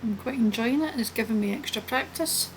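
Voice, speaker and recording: A woman hosting a flight video with casual, chatty, relaxed running commentary. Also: fairly high pitch, brisk, poor audio. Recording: steady background noise behind the voice.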